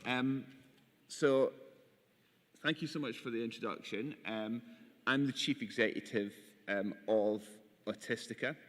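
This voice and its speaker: A man with a broad Aberdeen Scottish accent giving a conference talk, speaking carefully to be understood. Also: mid-range voice. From Aberdeen, Scotland. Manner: careful delivery, deliberately clear for translators. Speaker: charity chief executive, guest speaker. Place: conference hall. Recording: echoey hall with long reverb.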